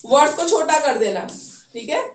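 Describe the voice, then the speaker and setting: A woman teaching a class of trainee teachers, explaining at length and checking in often with a quick "okay". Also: sits high, lively intonation, a little mellow. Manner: explains with repeated "theek hai", mixes English terms. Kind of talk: classroom lecture. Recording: echoey room, voice from far off.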